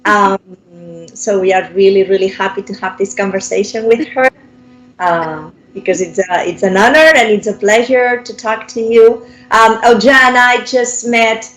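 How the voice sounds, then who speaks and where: A woman's voice: mid-range voice, steady tone, normal speed, fairly bright tone, echoey room, poor audio. A woman hosting an interview over a video call, friendly and chatty, with many fillers. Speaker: interview host.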